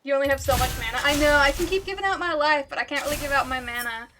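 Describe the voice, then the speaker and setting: A woman's voice: high-pitched, very fast, music in the background. A woman livestreamer giving chatty, giggly gaming commentary, laughing often.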